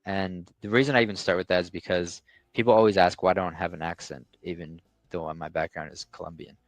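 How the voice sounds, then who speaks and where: Speaking fast in a deep voice with fairly even intonation, this young Canadian founder of a restaurant tech company chats casually as a podcast guest about his business and life. He talks a lot, restarting often and using many fillers. The recording is dry.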